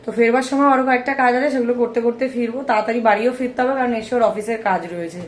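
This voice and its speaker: A woman's voice: on the high side, steady tone, racing, echoey room. A woman vlogger chatting casually to her viewers about her day at home. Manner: chatty, talks straight to viewers. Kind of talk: casual vlog chat.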